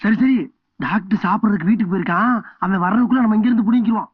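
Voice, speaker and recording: A man's voice: high-pitched, rapid-fire, breathy edge, narrow, tinny audio. A whiny village headman. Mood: bossy. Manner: whiny, wailing, self-pitying. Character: bumbling vain village headman, middle-aged man. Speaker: village headman in a film comedy.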